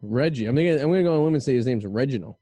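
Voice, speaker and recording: Mellow, dry-sounding male podcast host. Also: medium pitch, expressive, very fast, breathy edge, no echo, faint music behind. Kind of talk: casual banter and interviewing.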